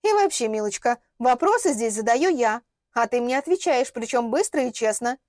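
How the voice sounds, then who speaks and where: A woman's voice: a little high, expressive, moderate pace, a little mellow, no room sound, studio quality, lightly acted. A woman reading an audiobook, voicing a hostile, secretive young woman who hisses and interrogates. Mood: defensive. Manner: hissing, interrogating.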